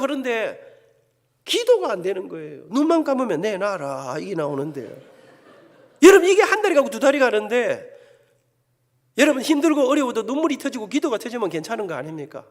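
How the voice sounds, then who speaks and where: A man with a Gyeongsang Korean accent preaches with dramatic, emotional storytelling and swings widely in pitch. His voice sits very high for a man. Long hall reverb trails behind him in the church sanctuary. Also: a bit bright. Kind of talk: sermon with personal testimony.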